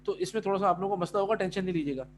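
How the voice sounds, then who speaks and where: Man, high voice, Arabic teacher, mixes Urdu and English, keeps checking students follow, faint hum. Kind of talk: online class explanation.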